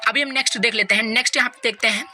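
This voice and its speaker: A man giving an online exam-revision lecture, explaining patiently and reading English lines out slowly. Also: extremely high pitch, steady tone, music in the background. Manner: leans on tags like "right?" and "over here". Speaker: exam-prep tutor.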